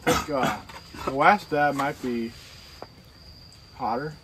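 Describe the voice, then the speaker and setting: A man's voice: mid-range voice, slow pace, background noise. Easygoing young man, crickets behind. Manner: easygoing running commentary with whoops. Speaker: co-host of a hot-food challenge channel. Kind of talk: casual challenge banter.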